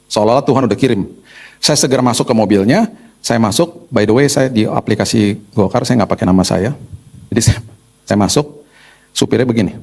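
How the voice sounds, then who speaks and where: A male pastor delivers a sermon in a chatty, storytelling manner. His voice is husky, and he talks at a brisk clip. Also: mid-range voice. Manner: storytelling, animated, conversational.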